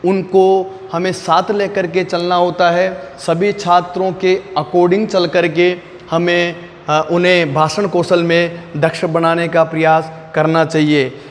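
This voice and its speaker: Slow, flat-voiced male lecturer. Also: high voice. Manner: slow, repeating key phrases word by word. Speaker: teacher. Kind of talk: exam-prep lecture. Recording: long reverb, faint noise.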